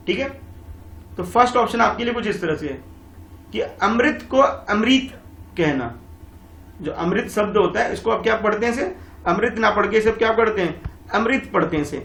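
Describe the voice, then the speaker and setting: A man, a teacher explaining exam questions and asking himself rhetorical questions as he goes. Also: high-pitched. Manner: repeats and asks rhetorical questions. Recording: echoey room.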